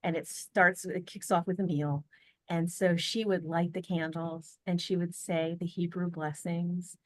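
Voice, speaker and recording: A podcast guest, an American woman, relates a family story over a video call in a casual interview. Her voice sits on the low side with a level tone and a slightly slow pace, there's no room sound, and she talks earnestly with many fillers and restarts.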